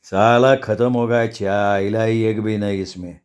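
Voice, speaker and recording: A man's voice: mid-range voice, steady tone, a little mellow, natural voice. A man voicing a swaggering young street tough who orders people about in slangy talk. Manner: slow, cocky, slangy bossing.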